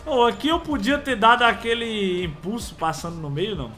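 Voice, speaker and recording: A young Brazilian gamer gives casual, slangy commentary with plenty of swearing, mumbling through menus as he plays. His voice sits a little high and he talks into a headset in a small room, with faint game music behind. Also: brisk. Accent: Brazilian Portuguese. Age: young adult. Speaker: gaming youtuber. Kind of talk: let's play commentary.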